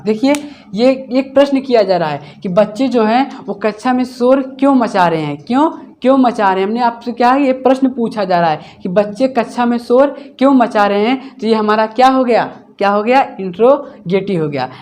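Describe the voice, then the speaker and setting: A man's voice: high voice, a little mellow. A man teaching a grammar lesson, who keeps asking himself questions, answers them, and repeats the key words. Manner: slows to dictate example words one at a time. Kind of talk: classroom-style grammar lesson.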